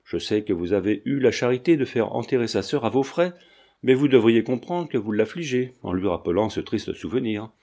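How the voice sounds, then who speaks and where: Stern, exasperated gentleman painter with lively intonation, read by a male narrator in a storybook reading. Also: fairly low pitch, brisk. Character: proud, irritated gentleman painter.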